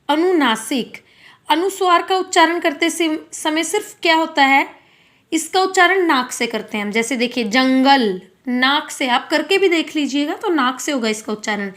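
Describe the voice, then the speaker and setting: A woman's voice: high-pitched, a bit bright. A woman teaching a school grammar lesson, patiently asking questions and answering them herself. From India.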